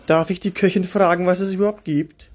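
A man's voice: high-pitched, fairly even intonation, a little fast, slight background noise. A man hosting a casual home podcast from a child's bedroom, crude and sarcastic as he grumbles to his listeners. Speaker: home podcast host, father. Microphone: single microphone at home.

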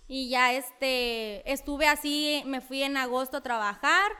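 A young woman with a coastal Mexican accent tells her story as a guest in a relaxed chat. She talks in an animated way, with plenty of fillers. Her voice sits high and sounds bright and forceful. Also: slow pace, smooth. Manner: chatty, full of fillers, animated.

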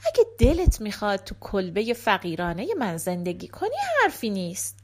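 A woman voicing a poor, humble young shepherd who speaks softly and sadly in a folktale reading. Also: mid-range voice, very animated. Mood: sad, gentle. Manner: soft and sad.

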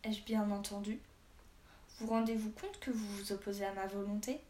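A woman voicing an arrogant, short-tempered male baron who bursts into shouting, recorded with a roomy echo. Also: medium pitch, steady tone, normal speed, lightly acted. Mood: threatening. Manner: haughty, erupts into shouting. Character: irascible arrogant male baron, middle-aged noble. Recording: roomy echo, faint background hiss.

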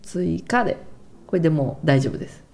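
A woman's voice: sits low, animated, a little fast, vocal fry, darkish tone, a little hiss or hum. A woman hosting a podcast in upbeat, polite chat, with frequent agreeing replies. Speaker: podcast host.

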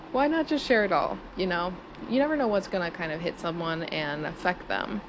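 Woman in her thirties, podcast host, slightly low voice, nervous little giggles, low-quality audio, traffic and hum behind. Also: measured pace. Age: 30s. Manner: chatty, giggles nervously between thoughts. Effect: low-quality audio with street noise. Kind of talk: casual solo podcast monologue. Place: small home studio on a busy city street. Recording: noisy low-quality street-side recording. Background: traffic and air-conditioner hum.

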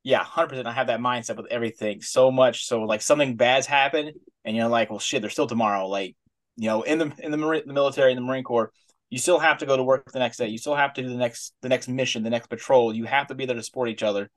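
Fast-talking, rambling male podcast co-host. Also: medium pitch, fairly even intonation. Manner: rapid, rambling, full of "like" and "you know". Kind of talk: casual podcast chat.

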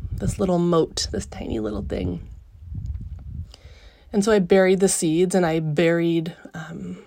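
A woman with a slightly low voice speaks very slowly in a reflective podcast monologue. She pauses often mid-phrase as she muses. She is recording live inside a small cave. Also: a little mellow. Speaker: podcast host.

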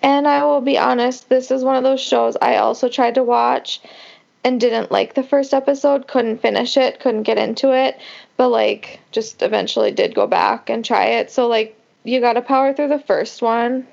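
A woman's voice: a little high, normal speed, creaky, a little mellow, highs cut off. A woman co-hosting a podcast in casual, upbeat chat. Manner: chatty and upbeat. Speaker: podcast co-host.

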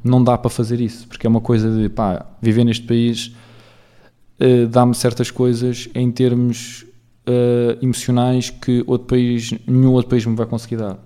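A man's voice: mid-range voice, completely flat delivery, normal speed, dark tone, clean tone. A man from Portugal with a European Portuguese accent, hosting his own solo podcast in a casual rambling monologue full of fillers and tag questions. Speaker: podcast host.

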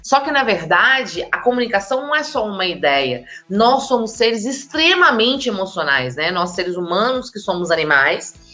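A woman, giving a lively, emphatic talk on communication and speaking straight to her audience. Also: medium pitch, normal speed. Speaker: communication and body language trainer. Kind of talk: expressive presentation lecture. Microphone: camera with slides, hands in frame.

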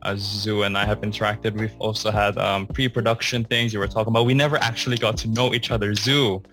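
A young man from Hong Kong co-hosting a casual podcast, chatty and quick to laugh, slipping in Filipino words. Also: lowish voice, fairly even intonation, a bit bright, faint music behind. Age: young adult. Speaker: podcast co-host.

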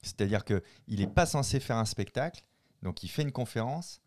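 A young French man from La Rochelle, a mentalist guest in a casual chat, animated and laughing often, with many restarts. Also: mid-range voice, moderate pace. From France, La Rochelle.

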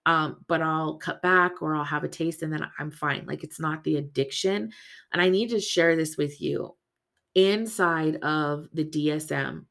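Tired low-voiced woman coaching host. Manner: chatty, frequent "right?" and "um", animated bursts. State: tired, yawning from little sleep. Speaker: podcast host and faith-based coach. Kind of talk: casual motivational podcast talk.

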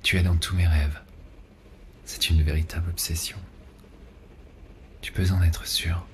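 Man playing a slow, very deep, intimate soft-spoken lover, ASMR role-play. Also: flat delivery, a little hiss or hum. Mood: tender, longing. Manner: slow, intimate, breathy murmur close to the ear. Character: seductive male lover on a night train, intimate and ardent. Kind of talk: ASMR role-play, erotic audio narration.

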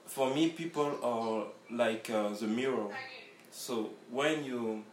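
Slow-talking man in a roomy echo. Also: medium pitch, slight background noise. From France. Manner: halting, searching for words. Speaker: guest. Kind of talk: casual interview chat.

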